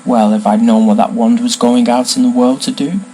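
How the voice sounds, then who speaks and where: A man voicing an intense, eerie old male wandmaker in a storybook reading, with a soft, hushed, lilting voice. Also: mid-range voice, fairly even intonation, a little fast, a little hiss or hum, natural voice, rough recording.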